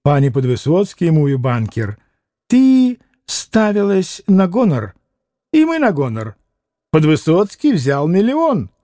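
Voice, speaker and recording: A man's voice: a little high, huge pitch swings, takes it slowly, dark tone, no echo, studio quality, exaggerated voice. A man voicing a proud middle-aged Polish nobleman who speaks with a Polish accent in a haughty drawl.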